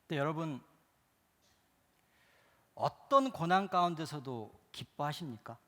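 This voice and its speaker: A man's voice: on the high side, lively intonation, measured pace, bright, forceful tone, in a large hall. A male pastor preaching a sermon, driving it with emphatic rhetorical questions that build in intensity.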